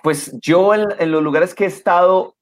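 A man's voice: high-pitched, normal speed. A man who co-hosts a casual chat and tells stories animatedly, acting out quotes. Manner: animated storyteller, acts out quotes.

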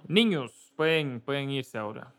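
A man from Kentucky, a pastor giving casual church announcements, halting and correcting himself often. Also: medium pitch, animated. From Kentucky, USA. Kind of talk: church announcements before a service.

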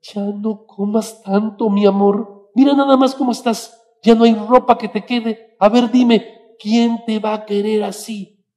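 A man's voice: high-pitched, steady tone, measured pace, warm tone, pitched above the performer's own voice. A man with a Mexican accent voicing a nagging, worried mother who scolds her son in a pleading, reproachful way.

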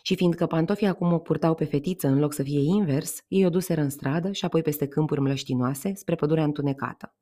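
Woman telling a fairy tale on her podcast, mellow warm voice, calm steady pace. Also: low-pitched, few pauses. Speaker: podcast storyteller. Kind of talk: fairy tale reading and reflection.

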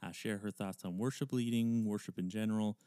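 A man with a fairly low, clean and smooth voice hosts a podcast conversationally. He is effusive and complimentary, and the sound is close and dry. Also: a little fast, mellow, dry recording. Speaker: podcast host. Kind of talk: casual conversational podcast hosting.

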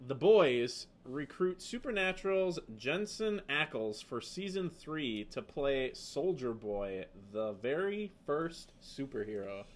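A man's voice: medium pitch, big pitch swings, slow pace, few pauses. Easygoing man with a Wisconsin accent. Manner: easygoing, storytelling with filler words. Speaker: podcast co-host. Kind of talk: casual podcast chat.

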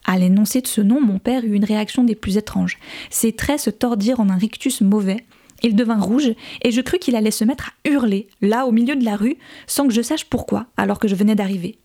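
A woman narrating a novel aloud in a measured, soft-spoken way. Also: medium pitch. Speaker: audiobook reader.

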